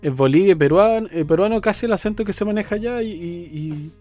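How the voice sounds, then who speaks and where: A man's voice: high-pitched, fast talker, a little mellow, faint music behind. A man with a Chilean accent, co-hosting a casual radio chat and talking with many fillers and restarts. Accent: Chilean Spanish. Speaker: co-host.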